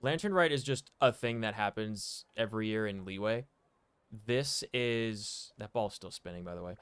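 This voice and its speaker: A man's voice: lowish voice, normal speed, fairly bright tone, clear, resonant tone, no echo. A man streaming a video game with casual, slangy, laid-back commentary. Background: game music.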